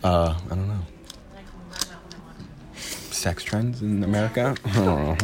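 A man's voice: fairly low pitch, measured pace, noisy background. A man co-hosting a casual podcast chat at school over lunch, teasing and joking. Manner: teasing, jokey. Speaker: co-host. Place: school during lunch break.

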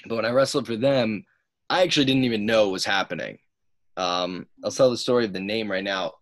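A man in his twenties, a pro wrestler guest on a podcast, telling stories in a lively way and acting out what other people said in raised voices. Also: lowish voice, brisk. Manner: animated, acts out quoted people in raised voices. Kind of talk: casual storytelling.

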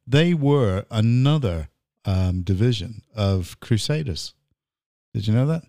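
A man's voice: lowish voice, lively intonation, slow pace, dark tone, dry recording, studio quality. A man hosting a casual chat show, bantering and steering the talk between segments. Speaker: podcast host.

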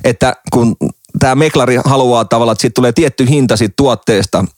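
A man's voice: medium pitch, darkish tone, no room sound, studio quality. A man hosting a podcast in casual chat, rambling through joking stories and laughing often. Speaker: podcast co-host.

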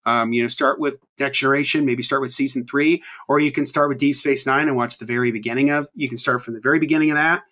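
On his podcast, a man in his thirties chats casually and rambles, peppering it with ums and restarts. He talks fast with hardly any pauses, in a medium-pitched, steady voice with a fairly bright tone.

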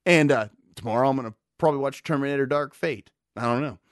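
A man with a medium-pitched voice talks quickly in a clean studio recording with no room sound. He's a podcast co-host and a bit tipsy, rambling and swearing through casual chat with plenty of restarts.

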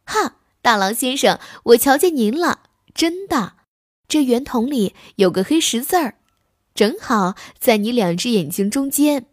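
A woman's voice: a little high, expressive, moderate pace, a little mellow, no echo, clean studio sound. A woman voicing a naive, cheerful little boy piglet in a children's bedtime story, speaking in an innocent, eager, childlike way. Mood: excited.

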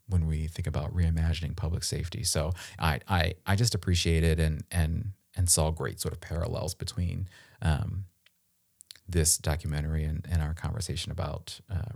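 A deep-voiced man co-hosts a casual podcast conversation. He talks in an earnest, thoughtful way, often restarting his sentences and filling pauses as he works through his thoughts. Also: flat delivery, vocal fry, darkish tone. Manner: earnest, reflective, many restarts and fillers. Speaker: podcast co-host.

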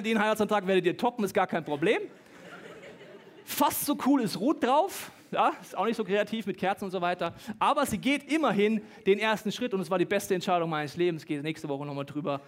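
Preaching with plenty of humor, a thirtysomething man with a high voice stays animated throughout. His delivery mixes playful asides with rushes of fast talk.

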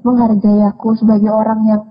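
A woman's voice: mid-range voice, flat delivery, brisk. A young woman with an East Javanese accent, chatting casually and telling a story full of quoted dialogue. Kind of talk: casual chat. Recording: dull lo-fi sound, faint noise.

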